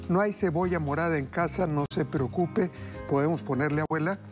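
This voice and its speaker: A middle-aged man hosts a TV cooking show from a studio kitchen set, chatting in a folksy way to viewers as he cooks. His voice is on the high side and fairly quick, with faint music behind it.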